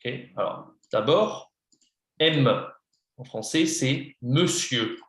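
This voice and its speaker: A man's voice: medium pitch, expressive, slow, roomy sound. A man teaching a beginner French lesson, patient, spelling words out letter by letter and slipping into English to explain. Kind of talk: one-on-one beginner lesson, slow and repetitive.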